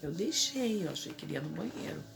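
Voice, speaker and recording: A woman's voice: low voice, sing-song, fast talker, gravelly, music in the background. A woman in her thirties telling an emotional personal story as a mother, urgently reliving her own desperate cries for help.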